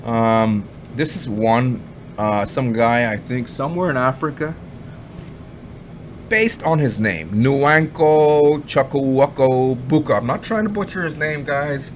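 A man's voice: mid-range voice, takes it slowly. Blunt, rambling Canadian man over noise. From Ottawa, Canada. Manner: blunt, rambling, repeats himself, swears. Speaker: online marketing reviewer. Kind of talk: casual screen-share commentary. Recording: audible background noise.

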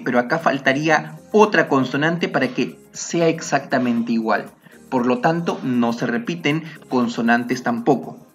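A man's voice: medium pitch, highs cut off. A man teaching a lesson on poetry, explaining patiently step by step and correcting himself as he goes.

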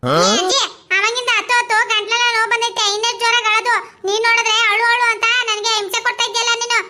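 A woman's voice: extremely high pitch, flat delivery, fast talker, pushed and bright, heavily acted. A woman voicing a whiny village wife with a sore throat from crying, with a Mandya Kannada accent. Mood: whining.

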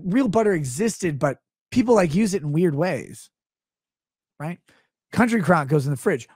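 A man with a high, lively voice rambles through a sarcastic comedic rant, jumping in and out of mock voices. He speaks close to a studio mic in a small home room, and the sound is dry and up front. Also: breathy edge, no room sound. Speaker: streamer host. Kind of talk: comedic live-stream rant. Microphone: close studio mic on stand.

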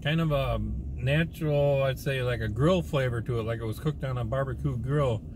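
A man speaks with his mouth full as he reviews a burger. He talks casually and hesitantly, with a voice of medium pitch. A faint hiss of noise sits behind him. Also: normal speed. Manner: rambling, hesitant, many ums. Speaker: food reviewer. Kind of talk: casual food review vlog.

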